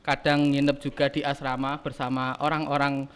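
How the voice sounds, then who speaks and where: A man in his early twenties, a student leader answering podcast questions in a halting way, often pausing to search for words. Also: medium pitch, little pitch movement, smooth. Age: early 20s. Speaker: guest, student council chairman. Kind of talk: casual podcast interview.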